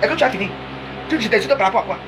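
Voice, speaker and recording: A woman in her fifties rattles off a chatty, teasing live-stream rant at a brisk clip, calling out viewers by name. Her voice sits at an ordinary middle pitch. The audio is noisy, with a steady hiss underneath her words. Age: 50s. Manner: chatty, rambling, teasing, addresses viewers directly. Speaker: social media live streamer.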